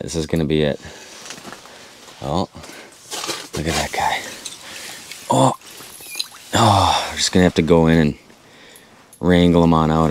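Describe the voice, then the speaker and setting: A man in his thirties with a very low, deep voice talks excitedly to his viewers as he fights fish from inside an ice-fishing tent. His audio comes from an action camera mic and carries a faint hiss underneath. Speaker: fishing vlogger. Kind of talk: excited play-by-play vlog.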